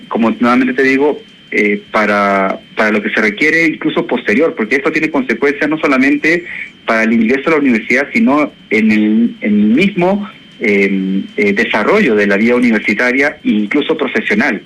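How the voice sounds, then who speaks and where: On a radio broadcast with faint background noise and poor audio, a Chilean education professor speaks as an interview guest. He talks at a moderate pace in a mid-range, slightly bright voice, thoughtful and hesitant, using many fillers.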